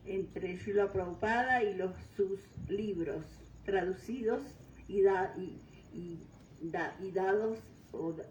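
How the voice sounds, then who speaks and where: An older woman from Venezuela giving a devotional talk, pausing often and searching for words. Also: medium pitch, a little mellow, highs cut off, a little hiss or hum. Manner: unhurried, searching for words, frequent fillers. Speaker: guest speaker. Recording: distant mic in roomy hall.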